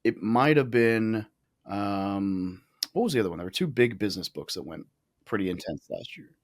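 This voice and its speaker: A man in his thirties speaks with a somewhat low voice in relaxed podcast conversation. He is casual and a little profane, tossing in asides and restarting his thoughts as he goes. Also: normal speed. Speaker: podcast guest, real estate investor.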